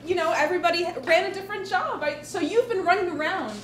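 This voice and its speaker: A woman's voice: extremely high pitch, quick pace. A woman playing a flustered, gullible tourist in an improv comedy scene, stammering and giggling. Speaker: improv performer. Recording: echoey room with background noise.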